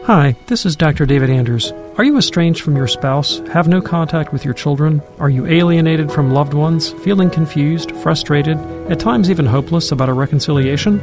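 A man's voice: a little fast, few pauses, music in the background. Man reading an earnest radio ad. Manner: scripted, earnest pitch.

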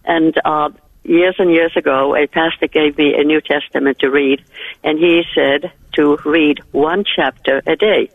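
A woman's voice: sits low, fairly even intonation, a little slow, no echo. A woman from Finland with a Finnish accent, calling in to a radio show and speaking earnestly about her faith over the phone. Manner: earnest, devout. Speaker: caller. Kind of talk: call-in radio chat. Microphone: telephone. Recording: tinny phone line.

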